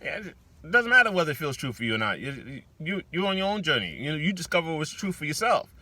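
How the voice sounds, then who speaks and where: A man in muses in a loose, spiritual monologue, dragging out and repeating words. His voice is fairly high and bright and rises and falls widely as he talks. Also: a little fast, no echo. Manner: animated, swings into loud high mock-shouts. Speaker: vlogger.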